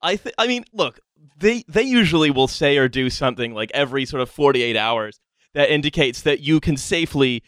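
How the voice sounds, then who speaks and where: A man's voice: fairly high pitch, animated, a little fast, fairly bright tone, no echo. A man hosting a podcast in casual chat, rambling with many fillers and restarts. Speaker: podcast host.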